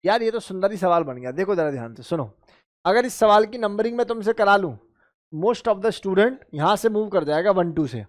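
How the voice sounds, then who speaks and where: Man, high voice, chemistry teacher, counts out positions in a brisk drill, quizzes students. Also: animated. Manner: addresses students as beta and bhai, asks and answers his own questions. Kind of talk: exam-prep lecture.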